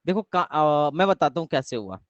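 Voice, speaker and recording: A man's voice: on the high side, very animated, normal speed, dry recording, highs cut off. A young man teaching math in a live online class, often quizzing his students and repeating his questions. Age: young adult.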